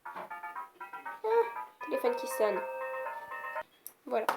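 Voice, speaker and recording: A woman's voice: fairly high pitch, takes it slowly, creaky, over loud music. A young woman giving a casual, rambling makeup tutorial at home, easily annoyed. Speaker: beauty vlogger. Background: faint noise of passing cars.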